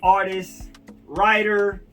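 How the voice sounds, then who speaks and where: A man hosting a hip-hop radio interview, with a loud, energetic hype delivery when he brings the guest in. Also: high voice, very slow, far from the mic, faint music behind. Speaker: radio host.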